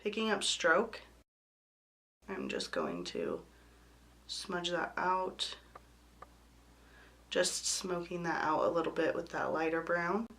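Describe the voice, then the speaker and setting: A woman's voice: lowish voice, very animated, takes it slowly, pauses often, fairly bright tone. A woman beauty vlogger with a sick voice, talking casually step by step through a makeup tutorial. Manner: casual step-by-step talk with many "I'm gonna". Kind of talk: makeup tutorial voice-over and chat.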